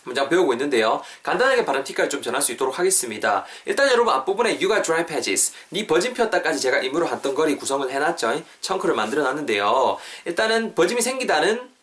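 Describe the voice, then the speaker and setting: A man hosting a podcast English lesson. He repeats English phrases slowly and explains them quickly. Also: a little high, sing-song, a bit bright. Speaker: English teacher, podcast host.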